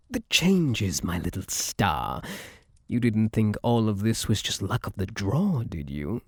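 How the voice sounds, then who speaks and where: A man's voice: mid-range voice, darkish tone, breathy edge, no echo, heavily acted. A man playing a suave, possessive luck spirit in an ASMR roleplay, flirtatious and theatrical, teasing and coaxing with pet names, close on the mic.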